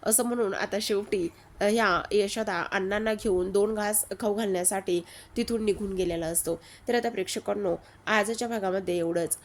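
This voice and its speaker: A woman retelling the day's episode of a TV serial in a steady, casual storytelling way. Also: mid-range voice, normal speed. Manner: steady retelling, reads quoted lines in her own voice.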